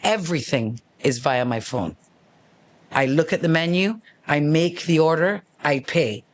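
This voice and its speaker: A middle-aged man hosting his own show, telling stories in a lively, casual monologue and acting out the people in them. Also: on the high side, measured pace. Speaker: host, former radio host.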